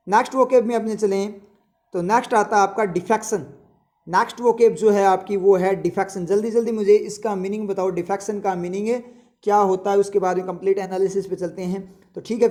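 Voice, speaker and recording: A man runs a casual vocabulary lesson in a rather high, mellow voice. He talks in a chatty way, quizzes his viewers and slows down to repeat each word as he explains it. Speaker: English vocabulary teacher.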